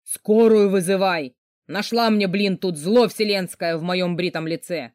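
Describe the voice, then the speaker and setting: A woman voicing a gruff, burly male boss who barks rude commands and swears. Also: high-pitched, measured pace, darkish tone, dry recording, studio quality. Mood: gruff angry.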